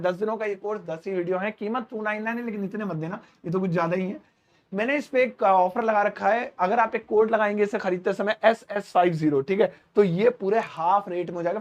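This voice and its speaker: Male English teacher, high voice, quizzes himself aloud, drags out example phrases slowly. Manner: asks questions and answers them himself; slows down to spell out English phrases. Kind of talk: spoken English lesson explained in Hindi. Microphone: speaking to camera.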